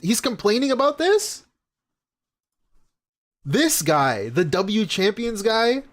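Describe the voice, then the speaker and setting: A man with a slightly raised voice reacts to a video on stream, pausing it to make fun of the creator. He talks bluntly and swears freely, in loose, offhand chat with his viewers. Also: high-pitched, sing-song. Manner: blunt and mocking, heavy swearing. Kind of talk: casual reaction commentary.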